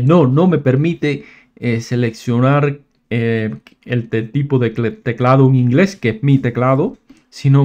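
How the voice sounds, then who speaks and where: A man giving a casual, screen-recorded software tutorial, thinking aloud and often restarting his words. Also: mid-range voice, dull audio. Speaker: tech tutorial presenter.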